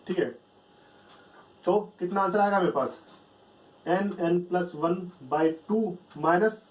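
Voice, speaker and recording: A man gives a whiteboard math lesson in a fairly high voice. He walks through each step, posing questions and answering them himself. The sound is picked up from some distance off the mic. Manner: explains step by step, asks and answers his own questions. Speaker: math teacher.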